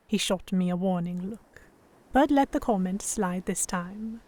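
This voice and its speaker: In an audio drama, a woman with a medium-pitched, darkish, natural voice narrates at a measured pace as the lead, portraying a captive young Victorian English noblewoman. The tense first-person delivery is defiant and sarcastic in formal diction.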